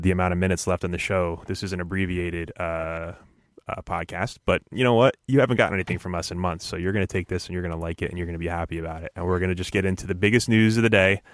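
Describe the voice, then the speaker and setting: Male podcast host, very low voice, dry close sound, rambling deadpan humor, casual chat. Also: dry recording. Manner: rambling, deadpan jokes, repeats words.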